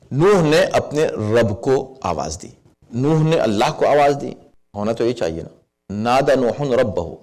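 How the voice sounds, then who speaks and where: A man, an Islamic scholar, giving a sermon-style commentary on scripture, quoting verses and then explaining them, often asking rhetorical questions and rising to emphatic exhortation. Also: fairly high pitch. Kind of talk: Urdu sermon lecture with Arabic recitation.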